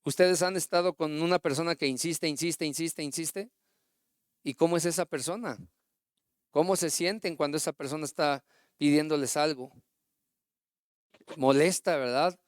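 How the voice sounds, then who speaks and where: A man preaching a sermon, his voice a little higher than most and smooth and resonant. He retells stories with acted-out quotes and puts rhetorical questions to his listeners. The sound is close and dry, with little room echo. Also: normal speed, long pauses.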